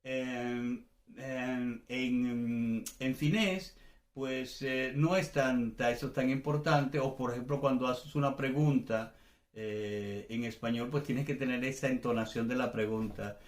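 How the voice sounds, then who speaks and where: A man teaching an informal language lesson, talking loosely and filling gaps with hesitations. He acts out examples with exaggerated intonation. His voice carries a noticeable room echo at a middling pitch. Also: steady tone, slow pace. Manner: chatty, many fillers and restarts, exaggerated examples. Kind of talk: casual online language class.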